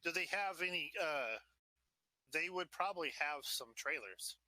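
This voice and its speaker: A man's voice: on the high side, lively intonation, unhurried, pushed and bright, dry recording, poor audio. A man playing a tabletop game, casually describing what his character does. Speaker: player.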